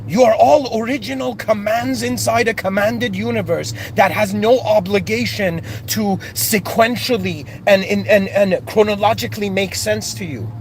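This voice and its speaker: A man's voice: high-pitched, moderate pace, hardly any pauses, a little hiss or hum. A man born in Iran and raised in Canada, giving an impassioned, searching spiritual monologue with many restarts and rising outbursts. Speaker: spiritual speaker.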